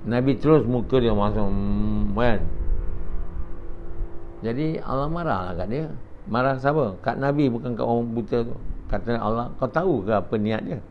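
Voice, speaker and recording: A man's voice: medium pitch, moderate pace. Older male preacher, chatty lecturing with rhetorical questions, muffled lo-fi recording with a faint hiss. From Malaysia. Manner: conversational, rhetorical questions, quoted dialogue. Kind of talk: after-dawn religious lecture. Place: home prayer gathering. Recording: dull lo-fi recording, faint noise.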